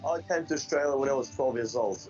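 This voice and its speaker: A man's voice: medium pitch, fast talker, slightly rough. A young man in his twenties from Afghanistan, telling his story plainly in a recorded testimony. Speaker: interviewee, lifeguard. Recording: dull distant mic with soft music.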